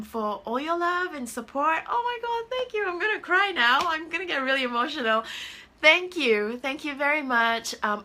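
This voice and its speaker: Woman host, thirties, heartfelt motivational chat; bright, higher-pitched voice. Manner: emotional, earnest, voice jumps high when quoting herself. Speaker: host of a live video chat. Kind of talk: casual motivational talk.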